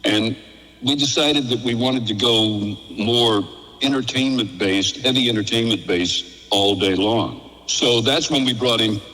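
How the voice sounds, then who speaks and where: An older American man, chatty like a radio veteran being interviewed, tells casual anecdotes and slips into quoted dialogue. His mid-range voice is bright, forward, and a little slow. He's calling remotely into a live radio broadcast, and the sound has a long, hollow reverb.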